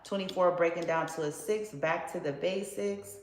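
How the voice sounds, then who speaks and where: A woman's voice: fairly low pitch, moderate pace. A woman giving a casual tarot reading in a blunt, profane, sassy way. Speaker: tarot card reader. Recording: roomy echo with faint background noise.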